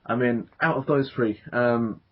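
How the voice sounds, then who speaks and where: A man's voice: medium pitch, a little slow. A man hosting a casual football podcast, talking with many fillers and restarts. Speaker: podcast host. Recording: dull lo-fi podcast audio.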